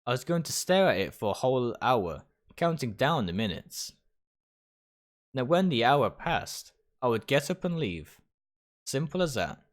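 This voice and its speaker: A game streamer reads a visual novel's first-person narration aloud at a measured pace, now and then stumbling and rereading phrases. His mid-range voice swings widely in pitch, and music plays behind him.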